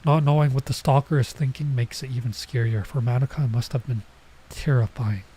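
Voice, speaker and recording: Playing through a visual novel, a streamer talks fairly quickly in a steady, mellow, mid-range voice that is slightly rough. An oncoming cold makes him nasal and congested, and his casual commentary is full of rambling asides.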